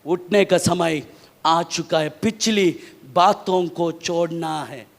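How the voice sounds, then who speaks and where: A male pastor preaching a sermon. He repeats phrases, questions the congregation, and swings from loud outbursts to low asides. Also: slow. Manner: questions the congregation and tells them to read aloud.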